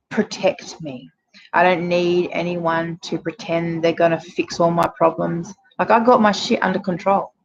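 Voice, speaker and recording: A woman in her forties giving frank, chatty relationship advice to camera, with many fillers. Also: fairly low pitch. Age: 40s. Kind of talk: casual direct-to-camera advice. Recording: dull lo-fi sound with faint noise.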